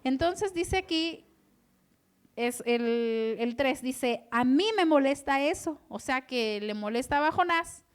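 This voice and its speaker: A woman delivers an animated sermon in a high voice. She keeps turning to her listeners with questions and lively asides. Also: slow, clear, resonant tone. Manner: animated, asks the audience questions. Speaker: preacher.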